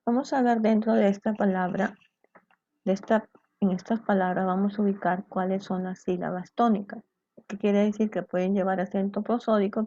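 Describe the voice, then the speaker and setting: A woman with a mid-range, gravelly, warm voice teaches students a grammar lesson, explaining step by step. She often checks in with "¿cierto?" and "¿bien?", and the recording has no echo but a dull lo-fi sound.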